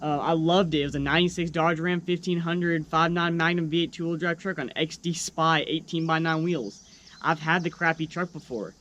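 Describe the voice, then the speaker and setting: A man's voice: on the high side, fairly even intonation, normal speed, fairly bright tone. A young man talking casually and earnestly to his viewers as a vlogger, encouraging them in unscripted speech. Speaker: YouTube truck vlogger.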